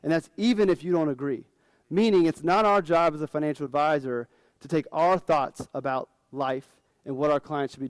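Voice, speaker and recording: A man's voice: a little high, dry recording. A man in his forties, a financial advisor, giving a casual, frank conference talk to fellow advisors.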